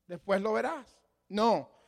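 A man's voice: high voice, animated, slow, vocal fry. A man preaching a sermon as pastor, dynamic and acting out voices of imagined people. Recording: long hall reverb.

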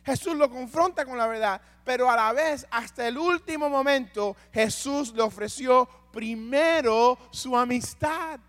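High-voiced preacher in a reverberant hall. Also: male voice, unhurried, hardly any pauses. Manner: rhetorical questions to the congregation, swinging from loud to hushed. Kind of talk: sermon.

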